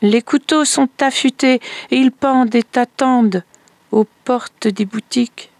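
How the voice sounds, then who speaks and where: A woman storyteller voicing a frightened little girl who pleads and calls out in a high voice. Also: fairly even intonation, measured pace, a little mellow, dry recording. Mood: calling urgently. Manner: high, urgent calling and pleading.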